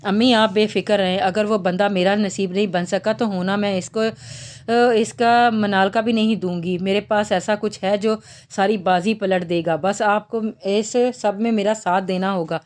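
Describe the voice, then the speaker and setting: A woman's voice: medium pitch, steady tone, a little slow, a little mellow, natural voice. A woman reading the part of a jealous young woman who schemes to ruin a wedding. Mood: spiteful. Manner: angry, scheming.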